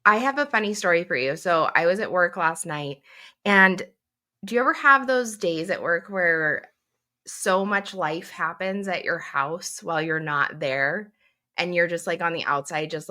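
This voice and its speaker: A middle-aged woman co-hosting a casual podcast chat. Her voice sits a little low but rings bright and forward. She tells stories animatedly and laughs often. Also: measured pace. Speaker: podcast co-host.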